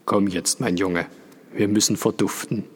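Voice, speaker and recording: A man playing a calm wry father. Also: lowish voice, a little slow, husky, in a large hall. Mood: urgent.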